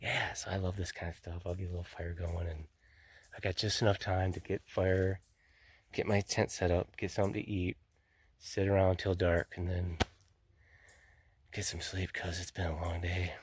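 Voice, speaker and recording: Laid-back low-voiced hiker man outdoors. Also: level tone, normal speed, slightly rough. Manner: rambling, laid-back, laughs often, swears casually. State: out of breath. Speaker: thru-hiker vlogging on the trail. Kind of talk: casual handheld trail vlog. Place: outdoors in wooded mountains. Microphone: phone camera held by hand.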